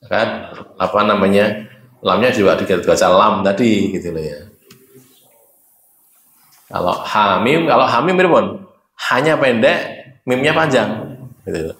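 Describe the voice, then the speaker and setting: Man, Javanese accent, low voice, patient teacher, echoey mosque. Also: expressive, a little slow, pauses often, a bit bright. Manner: explains patiently, chants letters aloud. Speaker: ustadz teaching Quran reading. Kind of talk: religious study lesson.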